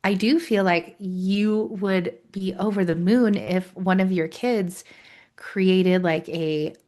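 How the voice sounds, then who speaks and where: A woman's voice: medium pitch, steady tone, slow, a little mellow. A woman co-hosting a podcast, chatting in an upbeat, friendly way and speaking straight to her listeners. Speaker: podcast co-host. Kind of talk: casual podcast chat.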